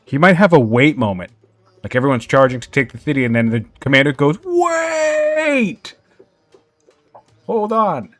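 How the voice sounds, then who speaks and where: A man's voice: mid-range voice, quick pace, no room sound, faint music behind. Jokey male game caster, dry close sound. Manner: jokey, laughs often, playfully sarcastic. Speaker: tournament caster. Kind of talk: casual game commentary.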